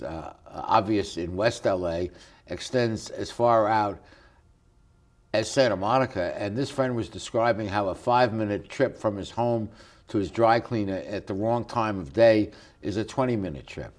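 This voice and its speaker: A man hosting a talk show interview, relaxed and folksy, with hesitant fillers. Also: lowish voice. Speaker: host. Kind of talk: casual interview chat.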